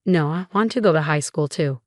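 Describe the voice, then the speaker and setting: An earnest teenage boy from a storybook pleads for a chance to study, read by a woman narrator. The voice sits fairly low, and the sound is dry and close. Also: fairly quick, a little mellow, no room sound, close to an everyday voice. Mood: pleading.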